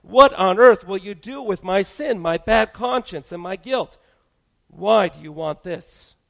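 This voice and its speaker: A man's voice: mid-range voice, normal speed, in a large hall, close to an everyday voice. A man preaching, voicing a troubled worshipper who pleads with sorrowful urgency. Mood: distressed. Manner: pleading, rising to loud distress.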